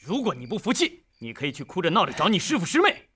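An actor playing an arrogant, sneering rich young master who mocks and taunts in a dubbed martial-arts film. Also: male voice, high-pitched, very noisy. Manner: mocking and taunting.

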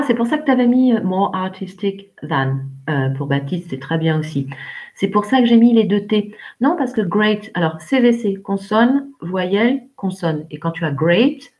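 A woman teaching English in a live online class, encouraging pupils and calling on them by name. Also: lowish voice. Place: home, remote teaching.

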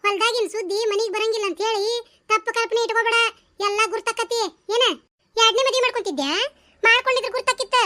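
A woman voicing a sharp-tongued village landlord's wife in a cartoon, scolding and bossy, with a North Karnataka Kannada accent. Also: extremely high pitch. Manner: scolding, bossy, quick retorts. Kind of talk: cartoon voice acting.

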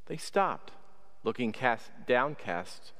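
Priest, male, mid-pitched, measured liturgical reading; heavy cathedral echo on the voice. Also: animated, a bit bright. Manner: measured, solemn proclamation. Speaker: priest proclaiming the Gospel. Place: large church. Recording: long cathedral reverb.

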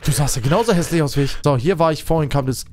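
A young man commenting loudly on a horror game, joking, laughing and letting out mock screams. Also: a little high, very fast, slight background noise. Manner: loud, jokey, shouts and mock screams. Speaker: gaming streamer. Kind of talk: excited gameplay commentary. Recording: game music underneath.

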